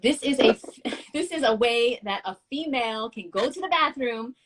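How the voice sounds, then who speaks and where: A woman in her thirties hosting a casual live-stream chat, excitable and quick to laugh, swearing casually. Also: fairly high pitch, noisy background. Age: 30s. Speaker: show host.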